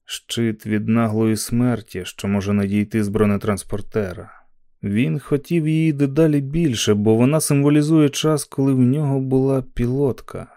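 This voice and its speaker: A man narrates a novel as an audiobook. His voice is dark and mellow, his delivery steady and even. He sits at a middling pitch for a man. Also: moderate pace.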